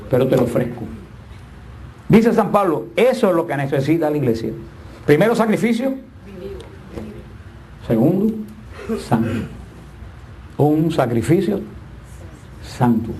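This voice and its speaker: Man, preacher, middle-aged, sermon, emphatic rising and falling delivery, raised pitch. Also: darkish tone, a little hiss or hum.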